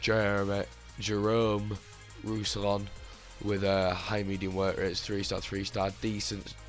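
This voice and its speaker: Faint music sits under this unhurried gaming commentary from a channel host. His low voice is slightly hoarse and very flat, and he rambles about his team, looping back and restarting sentences with many fillers.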